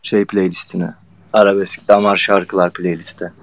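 A man's voice: low voice, little pitch movement, normal speed, no echo. A male actor in casual, playful chat with fans, joking and laughing often. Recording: noisy background hiss.

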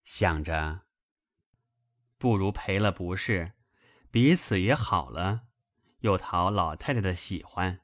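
A man narrating a classic novel aloud in a measured, expressive storytelling manner. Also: sits low, no room sound, clean studio sound.

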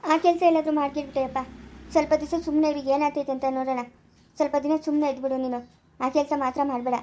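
A woman plays a calm older mother-in-law, giving advice in a soothing, pleading way in a family short drama. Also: sits high, fast talker, lightly acted. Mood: cautioning.

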